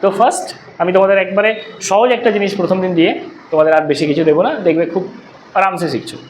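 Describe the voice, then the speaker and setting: A man's voice: sits high, quick pace. A man teaching an English class as tutor, talking conversationally and often checking that students follow. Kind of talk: classroom lecture. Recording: roomy echo, faint room noise.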